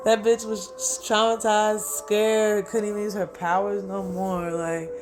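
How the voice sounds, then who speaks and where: A man hosting his own channel, rambling through a casual, profane, excitable recap of an anime and often acting out his own reactions. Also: high-pitched, a little slow, over music. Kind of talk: casual solo anime commentary.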